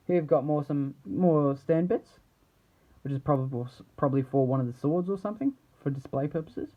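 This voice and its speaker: A man giving a casual, unscripted product showcase as an action figure reviewer, rambling haltingly and trailing off mid-thought. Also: a little high, dull audio.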